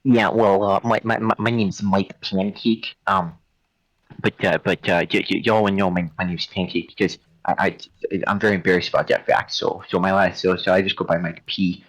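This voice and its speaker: A man's voice: sits low, level tone, moderate pace, low-quality recording. A man voicing a nervous, embarrassed male half-elf wizard who stammers and repeats words. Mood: flustered. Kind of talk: tabletop role-play in character.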